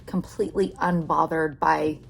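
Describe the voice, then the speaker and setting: A woman's voice: deep voice, fairly even intonation, normal speed, gravelly, breathy edge. Gushing American woman vlogger, music behind. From Oklahoma, United States. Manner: gushing, emphatic repetition of words. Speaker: beauty vlogger. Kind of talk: casual makeup tutorial chat.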